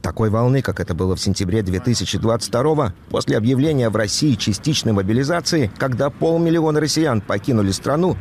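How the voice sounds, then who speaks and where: A man narrating a news report as a voice-over in an even, measured delivery. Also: mid-range voice, slight background noise.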